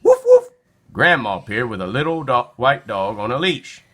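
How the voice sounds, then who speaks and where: A man with a mid-range voice narrates a children's storybook at a moderate pace, in an expressive read-aloud style.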